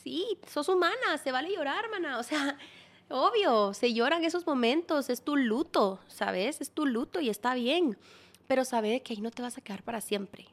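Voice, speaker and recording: A woman's voice: high voice, animated, normal speed. A young woman, hosting a podcast and giving frank, direct advice in a casual tone, swearing now and then. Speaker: podcast host.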